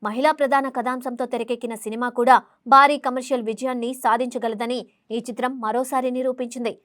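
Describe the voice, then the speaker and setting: A woman's voice: on the high side, steady tone, fast talker, a bit bright, no echo, studio quality. A woman reading scripted entertainment news as a voice-over, in a formal reading delivery. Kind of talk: scripted film news narration.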